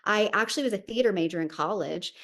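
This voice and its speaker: Talking fast in a mid-range voice, a Southern-accented woman from Tennessee shares her story as a guest on a podcast. The casual interview has her chatting in a friendly, warm storytelling style sprinkled with fillers.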